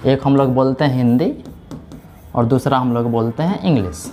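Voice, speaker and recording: Over music, a man speaks at normal speed in a medium-pitched voice, lecturing a class. He explains step by step, keeps using "theek hai," and asks questions that he answers on his own.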